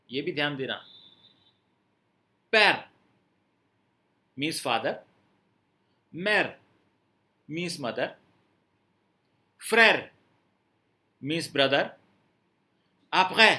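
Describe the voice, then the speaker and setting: A man's voice: a little high, pushed and bright. A man teaching a language lesson, explaining step by step and checking that students understand. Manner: explains step by step, repeats words and asks students if they understood. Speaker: French teacher.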